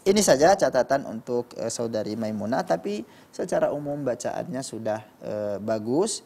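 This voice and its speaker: A man, judging Quran recitation and giving calm, instructive critique while demonstrating pronunciation. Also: mid-range voice, moderate pace, creaky, breathy edge.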